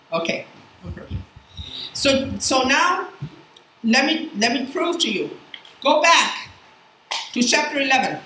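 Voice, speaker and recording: A woman teaching a Bible class in a casual, lively way, asking her students questions as she goes. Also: sits high, slow pace, long pauses. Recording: echoey room, faint background noise.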